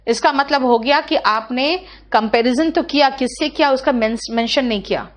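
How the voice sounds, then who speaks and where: A woman teaching English grammar in a live online class, correcting students briskly and calling them by name. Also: sits high. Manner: brisk, scolding, addresses students as beta.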